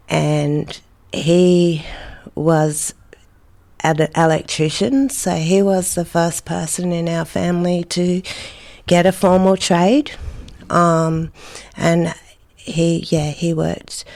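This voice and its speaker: An Australian woman, a mother of two, answering interview questions in a halting way with many fillers and pauses. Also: low voice, darkish tone. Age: adult, mother of two. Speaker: interview guest. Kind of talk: casual interview.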